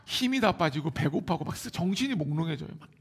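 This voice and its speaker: A man with a Seoul Korean accent preaching a Sunday sermon, moving between hushed near-whispers and loud exclamations. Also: on the high side, animated, fast talker, slightly rough. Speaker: pastor.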